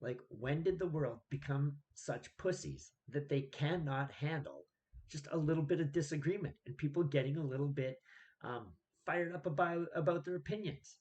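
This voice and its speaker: A man's voice: on the high side, moderate pace, a little mellow, dull audio. Exasperated man ranting about his opinions. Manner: exasperated, emphatic, rhetorical questions. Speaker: vlogger. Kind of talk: solo opinion rant.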